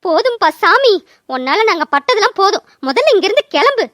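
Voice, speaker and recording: Woman doing a very high-pitched young village wife, shrill, dry close sound. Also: very animated, a little fast, a bit bright, no echo, heavily acted. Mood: furious. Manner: shrill, wailing and scolding. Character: distraught young village wife, fiercely protective. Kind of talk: cartoon voice acting.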